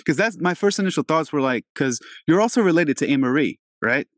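A man's voice: a little high, expressive, brisk, no echo, studio quality. A man from Albania in his thirties, hosting an interview in a laid-back, chatty way. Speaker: podcast host. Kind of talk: casual interview talk.

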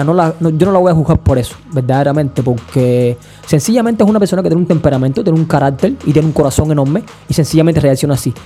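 A man hosting a podcast, giving measured, analytical commentary and often checking in with the listener. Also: on the high side. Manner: measured, analytical, often asks "you know?". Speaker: podcast host. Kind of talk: opinion commentary.

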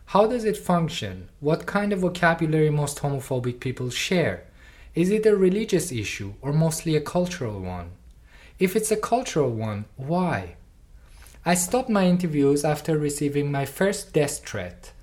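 Speaking English in a calm, reflective lecture performance, this person from Iran is an artist and doctoral researcher whose language is Farsi. Their voice stays at a middle pitch, with an earnest, personal tone throughout.

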